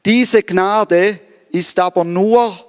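Earnest high-voiced male preacher, reverberant hall. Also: very slow, smooth. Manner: earnest, asks the listener direct questions. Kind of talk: sermon. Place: church service.

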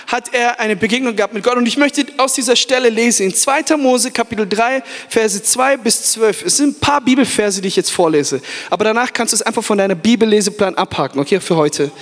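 Give me a high-pitched young man preaching animatedly to a crowd in an echoey hall. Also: brisk, few pauses. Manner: animated, hype, full of restarts and English fillers. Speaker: youth pastor. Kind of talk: energetic sermon. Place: large hall with live audience.

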